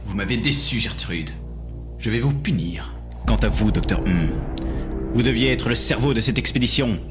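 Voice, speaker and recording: A man's voice: on the low side, expressive, moderate pace, music in the background, lightly acted. A man playing an irate, stubborn spaceship captain in a comic audio drama, stern and barking like a drill sergeant. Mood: indignant, stern.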